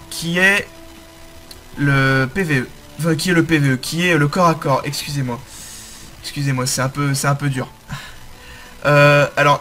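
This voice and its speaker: Bright-voiced man talking through a game tutorial. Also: a little high. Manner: hesitant, many fillers and self-corrections. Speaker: game guide host.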